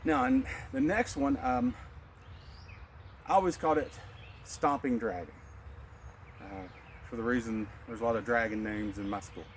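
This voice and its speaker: A man leads a gentle qigong class, his voice steady in pitch and unhurried as he cues each breath in and out. He gives simple, instructive directions for every movement. Faint outdoor noise with birds sits behind him. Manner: calm, instructive, cueing breaths. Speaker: martial arts instructor.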